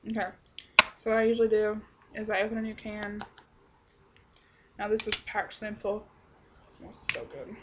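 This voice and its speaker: A woman's voice: medium pitch, completely flat delivery, normal speed, pauses often, very noisy. A young woman giving a casual, chatty review to camera, rambling along in a blunt, salty-tongued way. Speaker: product reviewer.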